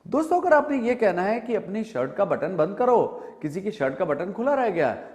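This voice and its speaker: A man teaching a spoken English lesson, quizzing his viewers and saying the example sentences slowly and deliberately. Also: high-pitched. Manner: lively, quizzes viewers with questions and answers them himself. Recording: long reverb, hall-like.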